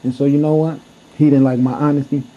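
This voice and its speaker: A man's voice: fairly high pitch, level tone, fast. Blunt, profane man on a lo-fi recording. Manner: blunt, profane, heated storytelling. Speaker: vlogger. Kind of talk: casual storytelling to camera. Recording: dull lo-fi recording.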